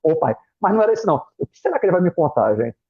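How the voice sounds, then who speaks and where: A middle-aged Brazilian man with a high, slightly husky voice tells personal stories as a guest in a relaxed chat. He is a former pastor and acts out his children's voices as he goes. The sound is dull and lo-fi, like a streamed call. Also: very fast. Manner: animated, acts out family members' voices in quotes. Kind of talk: casual chat, personal storytelling. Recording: muffled lo-fi live stream audio.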